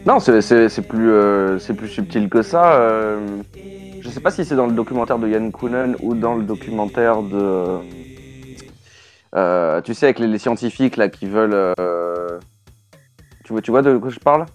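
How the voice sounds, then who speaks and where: A man with a fairly low voice explains a point in a group call, slowing down to choose his words and restarting phrases. Soft music sits faintly behind him. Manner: deliberate, explanatory, hesitant restarts. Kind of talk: casual group discussion over a call.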